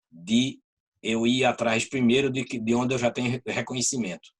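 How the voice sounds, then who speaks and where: Man, marketing consultant, casual video meeting talk, restarts words, low voice, husky.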